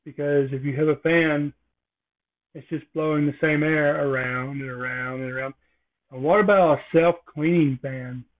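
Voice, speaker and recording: A man's voice: on the high side, steady tone, moderate pace. A man hosting a casual solo podcast, rambling through jokey observational musings. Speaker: podcast host. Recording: tinny phone-like sound.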